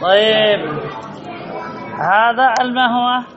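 A man's voice: very high-pitched, steady tone, slow, music in the background, crowd noise. A man teaching a grammar lesson, repeating rules and quizzing his listeners with questions. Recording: dull lo-fi recording with audience murmur.

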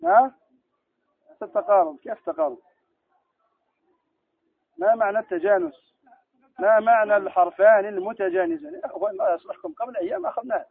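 A man teaching Quran recitation rules in a classroom lesson, quizzing students and then answering his own questions, slowing down to recite verse examples. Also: high-pitched, lively intonation, husky. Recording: tinny phone-like lo-fi recording.

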